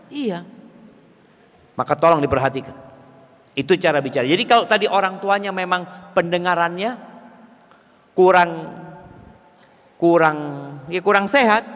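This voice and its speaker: A man delivers a lively sermon, speaking straight to his congregation. His voice sits fairly high and leaps higher whenever he drives home a point. A long reverb from the hall trails behind every phrase. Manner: lively, rising sharply for emphasis, addresses the congregation. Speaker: preacher.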